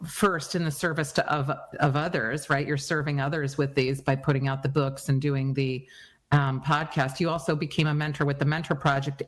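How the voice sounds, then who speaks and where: Affirming woman hosting an interview. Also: deep voice. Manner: warmly affirming, effusive praise. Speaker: podcast host.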